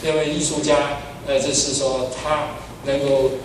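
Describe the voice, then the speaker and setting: An older man preaching as a pastor, an animated storyteller who swings from loud exclamations to soft asides. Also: medium pitch, measured pace. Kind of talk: sermon with personal stories. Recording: echoey hall, far from the mic, noisy.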